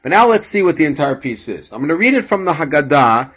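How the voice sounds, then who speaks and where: A man teaching a measured lecture on a religious text, explaining passages and reading Hebrew aloud. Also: on the high side, very animated, a bit bright, slightly rough, lo-fi sound. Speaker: Torah teacher.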